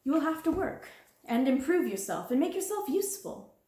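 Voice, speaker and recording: A woman's voice: sits high, sing-song, a little fast, dark tone, reverberant, pitched above the performer's own voice. A woman voicing a harsh, domineering middle-aged schoolmistress in a storybook reading, cold and scornful.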